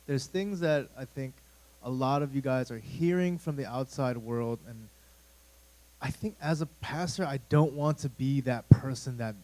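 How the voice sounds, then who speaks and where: A man in his thirties, an American youth pastor, gives a casual, rambling talk to a church youth group in a church room, packed with fillers and asides. His voice is medium in pitch, measured in pace and a little mellow, though the audio is poor.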